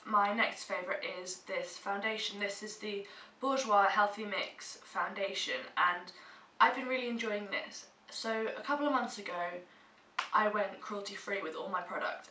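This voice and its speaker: With a mid-range, sharp-toned voice, a young British woman with a stuffy cold talks through her monthly favourites to camera in a casual, emphatic way. She records in a small room at home, and the sound carries roomy echo, faint hiss and distance from the mic.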